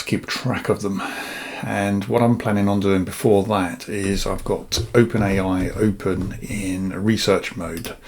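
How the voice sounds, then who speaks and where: A man half whispering as he casually talks through his software project, thinking aloud with frequent fillers. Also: deep voice. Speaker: software developer vlogger. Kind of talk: casual screen-share walkthrough.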